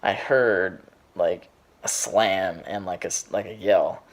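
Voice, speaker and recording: A man's voice: deep voice, steady tone, slow pace. Rambling young man telling a story. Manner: rambling, full of fillers and restarts. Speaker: vlogger. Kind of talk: casual storytelling to camera.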